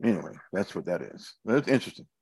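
A man's voice: sits low, very animated, fast, darkish tone, husky, no echo. A man co-hosting a casual chat, rambling and repeating himself, with loose grammar.

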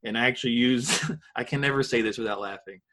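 A man's voice: medium pitch, quick pace, a bit bright. A man from the American South hosting a podcast, talking in a rambling, easygoing way with many fillers. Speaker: podcast host. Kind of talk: casual podcast chat.

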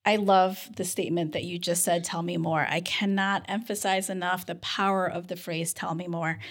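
A woman's voice: lowish voice, fairly even intonation, normal speed. A woman physician co-hosting a podcast, speaking in casual teaching style with an earnest manner and frequent "um" fillers. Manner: earnest, frequent "um" fillers, gives example phrases.

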